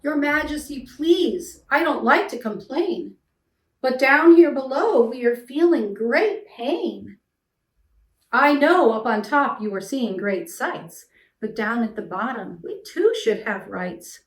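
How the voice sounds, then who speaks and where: A woman's voice: high voice, expressive, slow, full character voice. A woman voicing a plain, humble little male turtle in a rhyming storybook, politely pleading and groaning. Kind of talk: rhyming picture-book read-aloud. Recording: echoey room, distant mic.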